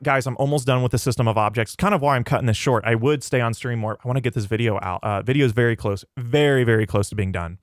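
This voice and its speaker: A man's voice: mid-range voice, clean tone, no room sound, studio quality. A man hosting his own livestream, thinking aloud as he answers questions from the live chat. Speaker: channel host reading live chat. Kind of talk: casual livestream talk.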